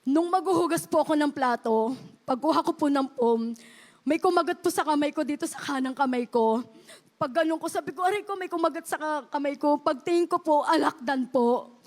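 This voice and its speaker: A woman's voice: high voice, normal speed. A woman giving an earnest, polite testimony to a church congregation, often addressing them as beloved. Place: church service.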